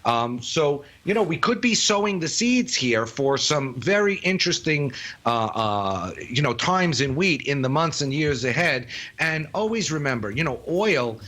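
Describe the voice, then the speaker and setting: A man with a Brooklyn accent giving live market commentary as a guest analyst, in an emphatic, colloquial way with halting phrasing. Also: fairly high pitch, sing-song, a bit bright.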